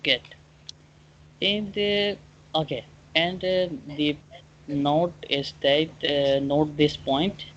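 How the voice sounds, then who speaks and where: Slow, halting Quran teacher, muffled call. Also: mid-range voice, fairly even intonation, fairly bright tone. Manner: halting, repeats points and checks understanding often. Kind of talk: one-on-one online lesson, explaining and drilling pronunciation. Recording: dull lo-fi online call, clear background noise.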